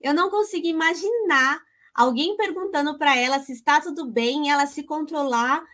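A woman's voice: sits high, moderate pace, a bit bright. A woman talking casually about a Bible story and her own life, chatty and emotional, calling her listeners "gente". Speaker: co-host.

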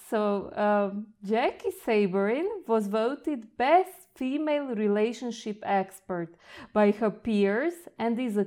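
A woman's voice: on the high side, darkish tone. A woman from Croatia hosting an interview, gushing and hesitant, with many fillers and restarts. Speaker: host.

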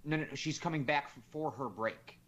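A man's voice: a little high, brisk, dull audio. A man co-hosting a podcast in casual chat, telling a work story with acted-out quotes and plenty of swearing. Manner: animated storyteller who swears freely and acts out quotes. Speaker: podcast co-host.

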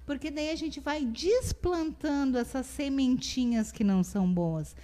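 Woman therapist, high voice, explanatory, acts out quotes. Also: unhurried, slight background noise. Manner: warm explanatory, acts out parent and child quotes. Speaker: family therapist guest. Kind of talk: casual talk-show advice.

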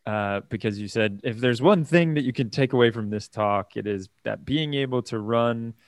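A man hosting a casual tech interview, upbeat and quick to laugh as he sums up and closes the show. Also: mid-range voice, dry recording, clean studio sound. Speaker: host.

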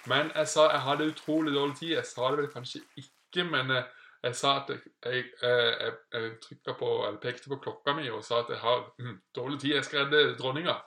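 A man's voice: mid-range voice, fairly even intonation, pushed and bright. A man telling a playful made-up story, rambling and correcting himself. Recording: roomy echo.

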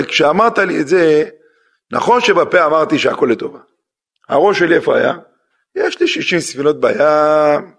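A man's voice: fairly high pitch, gravelly. A man, a rabbi, giving a sermon that tells a story through acted-out dialogue and questions to the listeners. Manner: acts out dialogue in a story, lively questions to the audience.

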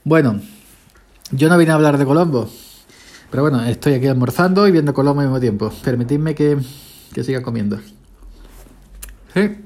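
Chatty farmhand podcaster. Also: male voice, medium pitch, animated, normal speed, long pauses, darkish tone. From Spain. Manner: chatty, eats while talking. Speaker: podcast host, farm day laborer. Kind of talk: casual rambling podcast monologue.

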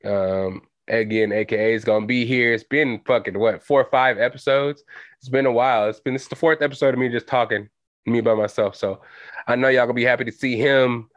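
Talking loosely in slang with plenty of fillers, a young man in his adult years hosts a casual solo podcast. His medium-pitched voice holds a steady tone and runs a little fast. It's a dull, dry lo-fi home recording.

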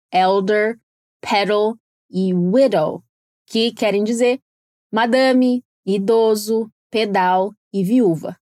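Brazilian woman, English pronunciation teacher, clear and explanatory, slightly high voice, dry close sound. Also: dark tone, no room sound. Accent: Brazilian Portuguese. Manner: clear, explanatory, slows down to model English words. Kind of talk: scripted podcast lesson.

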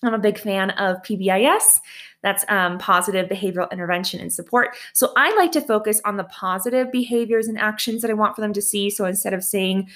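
A woman's voice: mid-range voice, a little fast, fairly bright tone. A young adult woman teacher explaining how she sets up classroom routines, in a casual, practical way, laughing lightly at her own slips. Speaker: teacher sharing classroom tips. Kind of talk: casual instructional talk.

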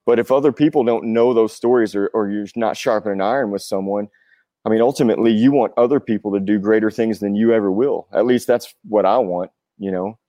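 In a casual conversation, this guest, a touring rock drummer in his forties, muses earnestly and at length about personal matters. His warm, lowish voice moves fairly quickly, and the sound is dry and clean, like a studio.

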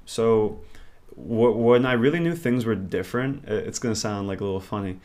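A man with a fairly low, darkish voice and a moderate pace is a guest in a casual interview. He rambles and reflects, thinking aloud as he goes.

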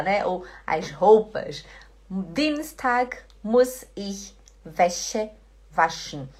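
A woman from Belém, Brazil, with a Belém Portuguese accent, teaching German in a live-streamed lesson, slowly drilling words for her learners and greeting viewers by name. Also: fairly high pitch. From Belém do Pará, Brazil.

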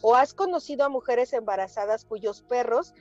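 A woman, a therapist guest chatting on a talk show and telling lively anecdotes that she acts out. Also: fairly high pitch, moderate pace, lo-fi sound, faint music behind. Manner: animated storyteller, acts out quotes. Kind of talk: casual talk show chat.

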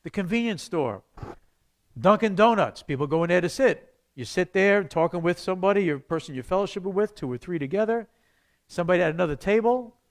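Animated New pastor teaching a class. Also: male voice, high-pitched, brisk. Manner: conversational, animated with sudden loud bursts.

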